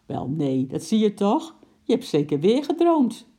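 A woman's voice: mid-range voice, very animated, unhurried, warm tone, pitched above the performer's own voice. A woman reading a storybook aloud, voicing a grumpy, sleepy husband who grumbles curtly. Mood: exasperated. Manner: grumbling, curt.

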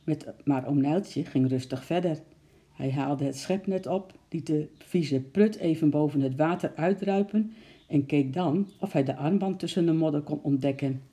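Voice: mid-range voice, moderate pace, mellow. A narrator steadily reading a children's story aloud.

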